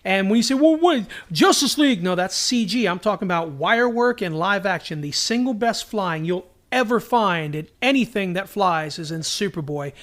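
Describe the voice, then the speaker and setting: A man with a high, expressive voice and fairly bright tone talks at a moderate pace with few pauses. Co-hosting a podcast of casual enthusiast discussion about TV shows, he speaks emphatically, with strong opinions, often through anecdotes.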